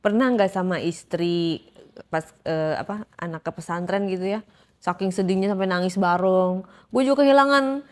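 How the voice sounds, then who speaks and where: A woman's voice: on the low side, flat delivery, moderate pace. A woman, hosting a casual podcast interview and murmuring along while her guest talks. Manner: frequent soft backchannel murmurs. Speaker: podcast host.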